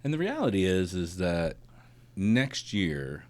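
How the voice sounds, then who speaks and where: Deep-voiced man in his forties. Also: sing-song, slow, a little mellow. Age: 40s. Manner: reflective, builds to emphatic points. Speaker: podcast host. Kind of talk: casual conversation.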